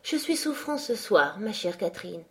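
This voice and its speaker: A woman's voice: mid-range voice, very animated, moderate pace, a bit bright. Woman reader as a sickly, fretful young man in a storybook. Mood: plaintive.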